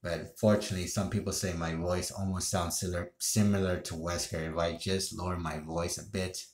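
A man's voice: low-pitched, flat delivery, a little fast. A man who streams games, talking in a casual monologue that rambles, restarts sentences and sighs. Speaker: gaming streamer. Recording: roomy echo.

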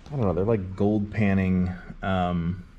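With a low, unhurried voice, a worm farmer in his thirties rambles through how to start a worm farm, relaxed and full of "um"s. The sound is lo-fi with a little hiss or hum, captured by a camera held low and close inside a large insulated barn or workshop.

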